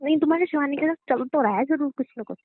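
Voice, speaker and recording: Fast and high-voiced, a young woman teases her partner over the phone in a sassy, curt, mocking girlfriend banter. There's no echo; the sound is dry, narrow and tinny, typical of a phone line.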